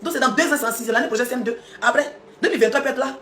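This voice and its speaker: A woman's voice: a little high, racing, a crowd in the background. A woman livestreaming a heated rant, mocking and combative, with frequent laughs and pointed rhetorical questions. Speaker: social media live streamer. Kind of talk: heated live-stream rant. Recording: echoey room.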